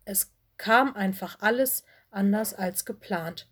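A busy, kindly fox headmistress speaks softly but firmly, as a woman reads her, sounding motherly and composed. It is a storybook voice for children. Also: mid-range voice, takes it slowly, slightly rough. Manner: gentle, softly stern.

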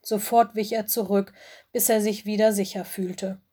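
A woman narrating a children's audiobook in a clear, expressive storytelling voice. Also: mid-range voice, moderate pace.

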